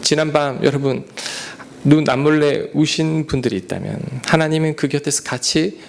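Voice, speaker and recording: A male pastor delivering a sermon earnestly, swinging from loud rises to soft whispered asides. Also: fairly high pitch, normal speed, vocal fry.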